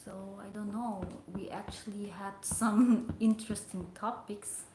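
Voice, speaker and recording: Slow, hesitant woman streamer in echoey room. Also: mid-range voice, steady tone, darkish tone, a little hiss or hum. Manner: rambling and hesitant, many fillers. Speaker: livestreamer. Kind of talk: casual livestream chat.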